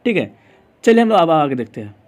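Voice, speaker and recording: Casting: high-voiced Indian man as tutor; poses a question, answers it, repeats the rule. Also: big pitch swings, fast talker. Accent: Indian English. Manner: asks the class questions and answers them himself, repeats rules. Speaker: English pronunciation teacher. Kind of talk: explaining lesson in Hindi.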